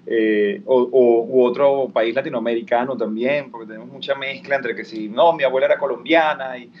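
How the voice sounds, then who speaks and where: A man speaks in a relaxed, reflective way, filling his pauses with "eh" and "este". His is plain to hear. The recording sounds dull and lo-fi, with a faint noise in the background. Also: medium pitch. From Venezuela. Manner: warm, reflective, frequent "eh" and "este" fillers. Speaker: guest. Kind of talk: casual conversation.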